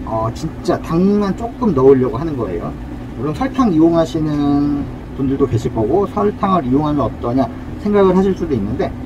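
A man's voice: a little high, dull audio, background noise. A man demonstrating a cafe drink recipe at a counter, explaining each step in a friendly, polite way. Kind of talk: casual cooking demonstration.

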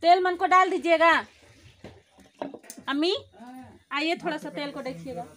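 A woman in her thirties, a vlogger, cooks in a village courtyard while filming herself on a phone held at arm's length, chatting casually and directly to her viewers; the setting also includes her home at night. Her high voice is unhurried and a bit bright, with slight background noise.

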